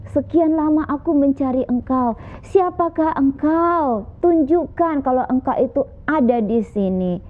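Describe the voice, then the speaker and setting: A woman's voice: sits high, measured pace, pitched above the performer's own voice. A woman voicing a lonely rich young man, asking anxious questions and pleading. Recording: tinny phone-like sound.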